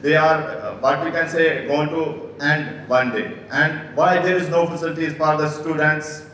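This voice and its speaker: A young man with a Kashmiri accent, a student putting a question at a public lecture in a deferential, halting way. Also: fairly high pitch, pushed and bright. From Kashmir Valley. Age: young adult. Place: lecture hall. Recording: echoey hall with clear background noise.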